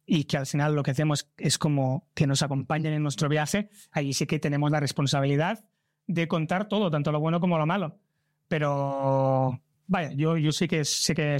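A man's voice: a little high, no echo, studio quality. A man from Barcelona with a Spanish accent, a travel creator earnestly answering interview questions about travel. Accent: Spain. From Barcelona, Spain. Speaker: travel content creator and trip organizer.

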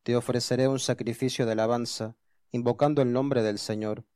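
A man reading scripture and responses at Mass as a lector, solemn and measured. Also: medium pitch, fairly even intonation, mellow.

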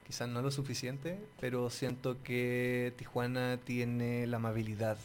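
A Chilean man in his thirties, a guest musician interviewed on the radio in a studio, answering in a calm, measured, polite way. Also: mid-range voice, slight background noise. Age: 30s.

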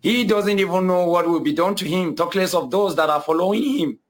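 Speaking a little fast in a high-pitched voice, a young Nigerian-accented man earnestly shares his own conversion story as a guest. He hesitates frequently and repeats himself.

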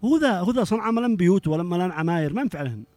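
A Yemeni man hosts a live call-in radio show, rattling his words off at great speed and talking over his callers. His voice sits high for a man. Faint music plays behind him. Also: lively intonation, a little mellow, no echo. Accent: Yemeni Arabic. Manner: fast, talks over callers.

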